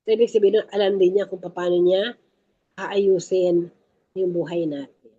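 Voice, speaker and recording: A woman delivers an emphatic Taglish faith teaching talk to a prayer group, repeating her key points and addressing listeners as brothers and sisters. Her voice is low-ish, dark, and breathy-edged, with fairly even intonation and a moderate pace, and the audio sounds dull.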